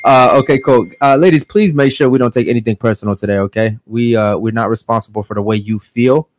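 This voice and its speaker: A man hosts a podcast in a brash, profane, casual manner, frequently dropping "man" and "guys" into his sentences. His voice is mid-range and his pace quick.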